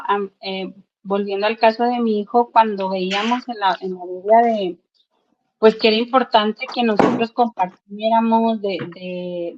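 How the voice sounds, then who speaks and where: A woman's voice: mid-range voice, dull audio, a little hiss or hum. A woman telling a story in casual chat at a book club and reading aloud, earnest, with many fillers and restarts.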